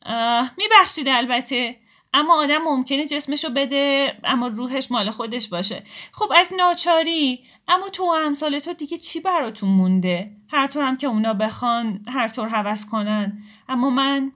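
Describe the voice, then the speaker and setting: A distraught young woman in a storybook reading cries out in a high, tearful voice, as a woman narrator puts her on. She pleads with wounded pride, her voice strained and lifted well above the narrator's own. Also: expressive, bright, forceful tone. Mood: anguished.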